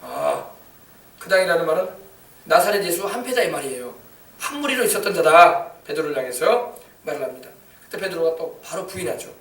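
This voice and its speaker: A man preaching a sermon as pastor of a church, animated and acting out the quoted lines with rising emphasis. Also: a little high. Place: church sanctuary. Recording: echoey church hall, mic at a distance.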